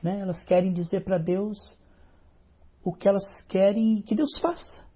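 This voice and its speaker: Male pastor, raised husky voice, storytelling sermon, lo-fi church recording. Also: steady tone, unhurried. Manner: storytelling preacher, acts out dialogue. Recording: muffled low-fidelity recording.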